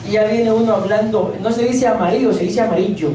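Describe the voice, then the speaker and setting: A woman's voice: fairly high pitch, steady tone, a little fast, a crowd in the background. A woman preaching a church sermon, quizzing the congregation and joking between points. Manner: asks the congregation questions, jokes between points. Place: church hall. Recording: very echoey church hall, mic far off.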